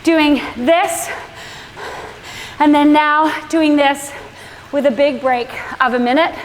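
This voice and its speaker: A woman's voice: sits high, steady tone, takes it slowly. A middle-aged woman explaining a workout to riders as their indoor cycling coach. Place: indoor room with large windows, on a stationary bike. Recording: echoey room, clear background noise.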